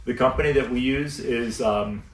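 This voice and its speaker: A man's voice: medium pitch, moderate pace. Chatty man teaching packing in a store. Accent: American. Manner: relaxed, chatty storyteller. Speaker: luggage store packing instructor. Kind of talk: live in-store seminar talk. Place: store showroom with audience. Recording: echoey room, mic at a distance, faint noise.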